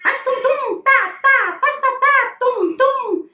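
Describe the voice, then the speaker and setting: A woman voicing a cheerful little boy puppet in a children's lesson, with a bright, squeaky sing-song delivery and a Brazilian accent. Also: slow, roomy sound, heavily acted.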